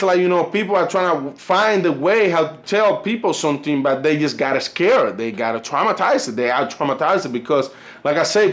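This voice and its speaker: A Colombian YouTube host in his twenties, a native Spanish speaker with a Colombian Spanish accent, rambles through casual vlog commentary, constantly saying "you know" and "fellas." His voice is higher and fairly bright.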